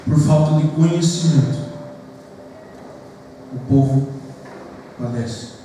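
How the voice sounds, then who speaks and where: A man's voice: fairly high pitch, slow pace, warm tone, slight background noise. A man from Brazil, a pastor preaching an earnest sermon to his congregation in a church hall. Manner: earnest, addresses the congregation as "queridos". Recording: echoey church hall picked up from far off.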